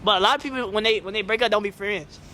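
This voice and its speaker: A man's voice: high-pitched, fast, bright, forceful tone, slight background noise. A young man interviewing people on the street, teasing and pressing them with repeated questions. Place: outdoors on a street.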